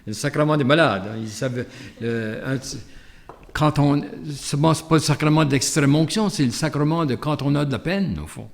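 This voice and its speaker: The priest's voice sits on the high side, with vocal fry and a moderate pace, and carries a Canadian French accent. His homily pairs a gospel reading with a reflective, storytelling sermon that includes an anecdote and hesitant asides.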